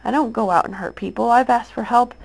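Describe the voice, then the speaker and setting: This mother in her thirties, speaking to camera against her accusers, has a slightly high, creaky voice and talks a bit fast. The recording is low quality. Aggrieved and insistent, she keeps repeating herself, stumbling into restarts and fillers.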